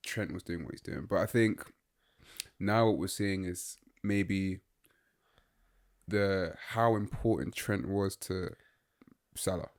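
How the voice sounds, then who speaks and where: Picture a young man in his twenties, slightly low-pitched, talking football with his co-host in a loose, easygoing way. He rambles through his opinions and fills the gaps with "like" and "um" as he thinks out loud. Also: takes it slowly. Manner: relaxed, rambling, filler-heavy opinions. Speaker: podcast co-host. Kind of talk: casual football chat.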